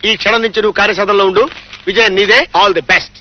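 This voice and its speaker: A sly boastful crooked lawyer. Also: male voice, sits high, level tone, fast, sharp tone, slight background noise. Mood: scheming. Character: scheming boastful male criminal lawyer. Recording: dull film audio with music.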